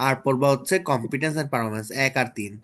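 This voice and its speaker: A man's voice: medium pitch, normal speed, fairly bright tone. A man tutoring students through exam topics in a casual online lesson, often checking in with them.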